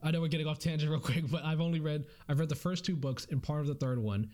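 A man's voice: on the high side, fast talker, a little mellow. A man chatting casually on a podcast, rambling through his opinions with lots of fillers and restarts. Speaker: podcast panelist reviewing a game.

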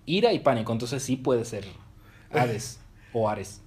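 A man's voice: medium pitch, animated, a little mellow. A man recapping comics in casual chat, briefly acting out the characters' lines. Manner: retells scenes with quick quoted voices.

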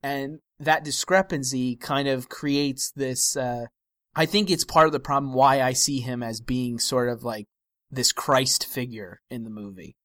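A man's voice: medium pitch, fairly even intonation, measured pace, fairly bright tone, no echo. A man co-hosting a film podcast in casual chat, often trailing off and searching for the right words. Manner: hesitant, searching for words, stretched-out phrases.

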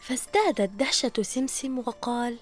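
A woman narrating a children's story as host, in a gentle, expressive storytelling manner. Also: a little high, moderate pace. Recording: roomy reverb, long echo, soft music bed. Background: faint background music.

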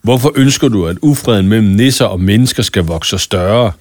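A man's voice: lowish voice, darkish tone, no echo, lightly acted. A man voicing an earnest, plucky young girl in a storybook reading.

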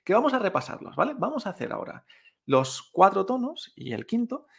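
Encouraging male teacher with a gravelly voice. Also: high voice, wildly swooping pitch, brisk, fairly bright tone. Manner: patient, encouraging, models each tone aloud; frequent tag questions like "¿vale?" and "¿eh?". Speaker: Mandarin pronunciation teacher. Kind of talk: podcast lesson.

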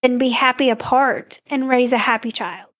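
A woman's voice: fairly high pitch, moderate pace, a bit bright. A woman co-hosting a podcast, giving earnest, encouraging advice in casual chat. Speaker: podcast co-host.

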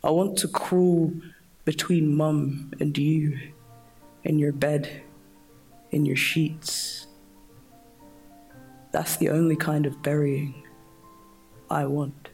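A man playing a dead young son speaking to his father in a hushed, intimate spoken-word monologue. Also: on the high side, level tone, slow, vocal fry, long pauses, breathy edge, soft background music, full character voice. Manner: intimate, hushed, keeps saying "Dad".

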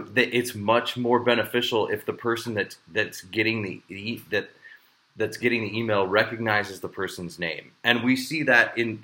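Male podcast host, bright lowish voice, rambling casual delivery. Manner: rambling, with many fillers and restarts. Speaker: podcast host and show promoter. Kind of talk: casual chat.

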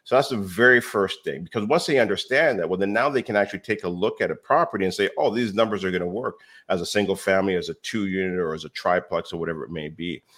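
A man with a deep, low voice speaks as a podcast guest. He tells his stories with energy, acting out the dialogue. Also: fast talker, few pauses. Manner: animated storyteller, acts out quoted dialogue. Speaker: real estate education company founder.

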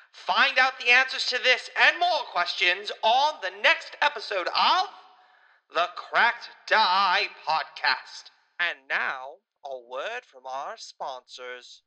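Male cliffhanger announcer: theatrical, high-pitched, deliberate, drenched in reverb. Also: pushed and bright. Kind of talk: dramatic cliffhanger announcer narration. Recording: long reverb on the voice.

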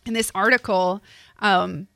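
A woman co-hosting a radio show, talking in an animated, chatty way and laughing easily. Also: mid-range voice, a little slow, gravelly, no echo. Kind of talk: casual chat. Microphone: studio mic.

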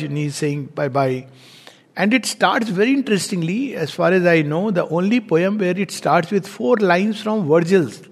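Casting: man with a high voice, musing, chuckling poetry lecturer, long hall reverb. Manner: musing, unhurried, frequent chuckles and "you know" fillers. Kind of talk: reflective spoken lecture.

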